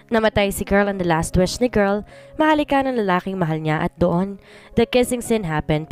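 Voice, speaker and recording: A woman reading a first-person story in scripted narration, in one even voice, code-switching between Tagalog and English. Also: medium pitch. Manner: reads every part in one plain voice, mixing Tagalog and English. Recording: voice over soft background music.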